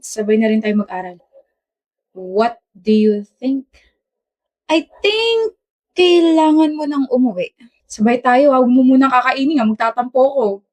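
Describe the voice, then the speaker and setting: A woman's voice: on the high side, darkish tone, natural voice. A woman voicing a caring, playful young man who dotes on his girlfriend, in a skit. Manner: playful and affectionate, jokes corny. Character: caring, teasing young man, a doting boyfriend. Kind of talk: skit role-play acting.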